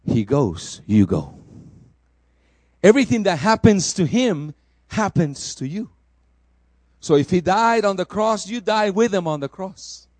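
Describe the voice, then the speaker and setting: A man's voice: fairly high pitch, no room sound. Man preaching a sermon, from El Salvador. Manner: rises to loud exclamations, drops soft for personal testimony.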